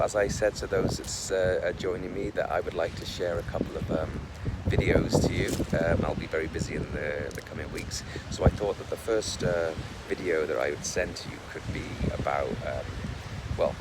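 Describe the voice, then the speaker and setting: A middle-aged man talking casually to camera about his life, hesitant, with many fillers and restarts. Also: deep voice. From Wales. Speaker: vlogger. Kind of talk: casual personal talk to camera. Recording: loud wind noise over the mic.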